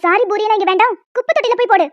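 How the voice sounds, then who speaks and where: A woman voicing a hot-tempered cartoon housewife who scolds in harsh, shouting tirades. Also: very high voice, rapid-fire, no echo, muffled recording. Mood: angry. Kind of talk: animated cartoon voice acting.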